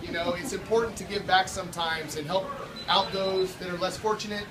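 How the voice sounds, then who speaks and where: A man with a high voice gives a sales presentation as host of a gallery evening. He repeats phrases for emphasis. The microphone is distant and there is clear noise around him. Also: fairly quick. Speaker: gallery art dealer hosting a show opening. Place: gallery room at a live event. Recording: distant mic, noisy room.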